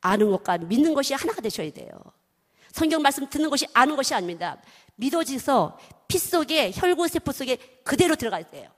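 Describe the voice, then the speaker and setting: A middle-aged woman preaching a sermon emphatically, swinging between loud exclamations and hushed whispers. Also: high voice, very animated, a little fast. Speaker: children's missionary preaching. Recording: long hall reverb.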